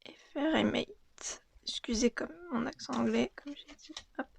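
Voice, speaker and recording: A young woman casually opening and commenting on trading cards, reading them out in a soft, murmured voice that often drops to a half-whisper. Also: on the high side, fairly even intonation, normal speed, vocal fry. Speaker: card unboxing vlogger.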